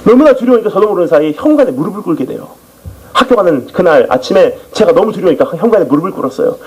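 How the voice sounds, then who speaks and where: Guy preaching in church, husky voice, talks fast, pitch jumps all over. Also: poor audio. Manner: animated storytelling testimony. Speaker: missionary preacher. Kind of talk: sermon.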